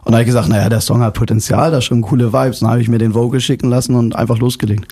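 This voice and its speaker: A man. He is a DJ and producer, a guest in a radio interview, and he talks in a relaxed way with plenty of fillers. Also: medium pitch, racing, breathy edge. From Hamburg, Germany. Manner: relaxed, talkative, many fillers.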